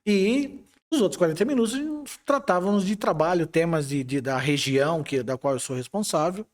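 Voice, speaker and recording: A man's voice: a little high, moderate pace. Brazilian man, easygoing storyteller. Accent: Brazilian Portuguese. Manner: relaxed storytelling, hesitant restarts. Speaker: IT manager, interview guest. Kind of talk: conversational interview.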